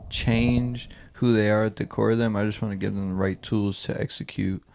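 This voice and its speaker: A man's voice: lowish voice, fairly even intonation, moderate pace, gravelly, darkish tone, slight background noise. A man in his late twenties co-hosting a podcast, talking in a reflective, rambling way with many restarts. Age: 20s. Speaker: podcast co-host. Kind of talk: casual chat.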